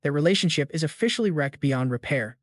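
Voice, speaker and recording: A man's voice: a little high, animated, fast, dry recording, studio quality. A man narrating a comic story recap in a slangy, jokey scripted manner.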